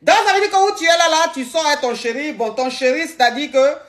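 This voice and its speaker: A woman's voice: high voice, fast talker. A woman hosting a live call-in advice stream, playful and repeating her phrases.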